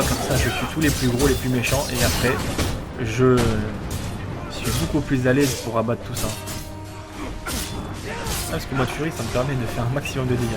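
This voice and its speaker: A man giving casual, explanatory video game commentary, often asking questions and answering them himself. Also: medium pitch. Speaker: let's player. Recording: loud game music behind.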